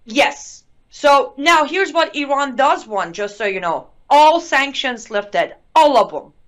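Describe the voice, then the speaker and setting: A woman's voice: sits high, lively intonation, slow pace. A woman whose first language is not English, a guest giving emphatic, indignant political commentary with sarcastic asides.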